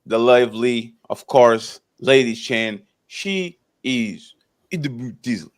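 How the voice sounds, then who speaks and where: A man's voice: mid-range voice, expressive, slow, slight background noise. A man moderating a casual live-streamed panel show, announcing upcoming episodes and introducing guests in a loose, repetitive way, often tagging sentences with "okay?".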